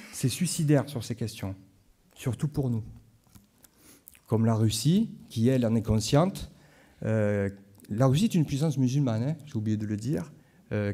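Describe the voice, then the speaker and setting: Male conference speaker, Marseille accent, deep mellow tone, chatty delivery with asides to the room. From Marseille, France. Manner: conversational, asides to the audience. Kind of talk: conference talk. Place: conference hall.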